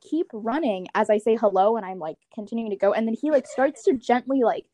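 A young woman telling friends an animated story in casual chat, swearing and acting out quotes. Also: a little high, a little fast, dry recording.

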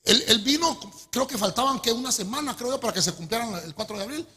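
A middle-aged man with a Honduran accent preaching a testimony sermon, telling his story in an animated way and calling his listeners brother. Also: very high voice, quick pace, slightly rough. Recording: echoey hall with long reverb.

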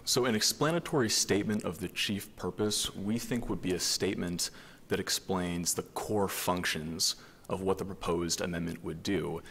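A man speaking as an attorney in formal oral argument, explaining points in a measured, careful way. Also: deep voice, gravelly, fairly bright tone. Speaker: attorney arguing before a court. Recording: reverberant courtroom, faint noise.

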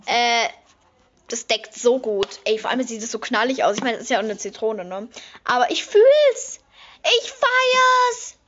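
A chatty teenage vlogger rambles casually through her makeup routine, occasionally bursting into high, squealing excitement. Her voice sits a little high, and the audio comes across dull and lo-fi.

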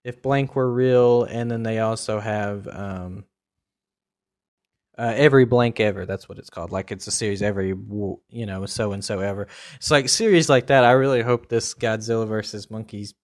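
A man's voice: lowish voice, moderate pace. A young man giving a casual, rambling spoken review, full of fillers and restarts. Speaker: video reviewer.

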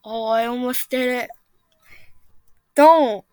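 A woman hosting a casual podcast and reading a spooky story aloud. She is chatty and excitable, and she often breaks into giggles. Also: on the high side, takes it slowly. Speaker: podcast host.

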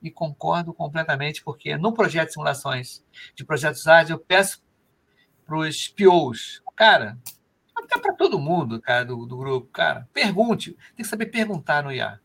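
A man's voice: on the high side, sing-song, normal speed, gravelly, fairly bright tone, slightly rough. A man with a Brazilian Portuguese accent hosting a live podcast, chatting loosely and reading out listener messages. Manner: rambling, reads out listener chat. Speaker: podcast host. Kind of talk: casual live podcast chat.

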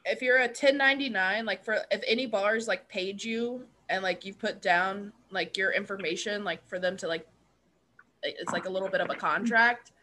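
Bright, giggly woman comedian. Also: mid-range voice, moderate pace, slight background noise. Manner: giggly, crude, filler-heavy rambling. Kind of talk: casual chat.

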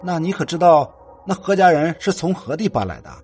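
A man's voice: fairly high pitch, very animated, brisk, darkish tone, soft background music, pitched above the performer's own voice. A man voicing an earnest young woman who asks questions in an inquiring way. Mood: curious.

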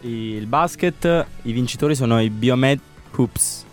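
A man co-hosting a casual radio show, giving sports results in a relaxed, slightly unsure way. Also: medium pitch, takes it slowly, soft background music. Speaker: sports reporter co-host.

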